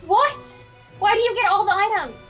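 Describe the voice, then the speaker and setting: A woman's voice: very high-pitched, normal speed, dull audio, over music. A woman chatting casually while gaming with friends, teasing and singsong, sometimes mock-whiny. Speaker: gamer co-host. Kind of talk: casual multiplayer gameplay chat. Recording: noisy recording.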